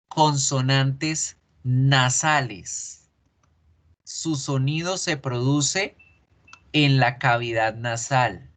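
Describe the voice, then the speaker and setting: Slow-speaking male teacher. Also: medium pitch, a bit bright. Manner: slow, drawn-out model words repeated for practice. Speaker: English teacher. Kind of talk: pronunciation lesson.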